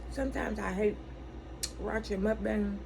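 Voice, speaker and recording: Clear background noise sits behind an American woman with a creaky, gravelly voice at a medium pitch. She rambles casually as if confiding in viewers. Her delivery is blunt, emphatic and candid, with salty language. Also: a little slow. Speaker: vlogger. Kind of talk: rambling casual confessional chat. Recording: clearly noisy room ambience.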